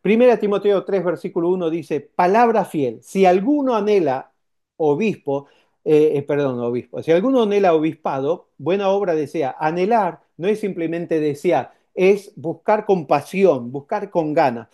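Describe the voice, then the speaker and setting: A pastor delivers a sermon in a high, mellow, warm voice that never turns sharp. Animated and at a moderate pace, he speaks conversationally to the congregation, repeating key points and posing rhetorical questions.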